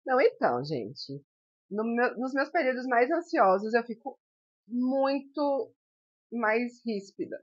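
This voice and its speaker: A woman's voice: fairly high pitch, sing-song, a little slow, husky, no room sound, muffled recording. A woman in her thirties co-hosting a podcast, talking candidly and reflectively in casual chat. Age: 30s. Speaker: podcast co-host.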